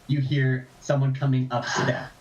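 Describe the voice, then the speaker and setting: A man's voice: medium pitch, completely flat delivery, normal speed, roomy sound, lo-fi sound. A man running a tabletop game as game master, describing scenes and building suspense. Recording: distant mic.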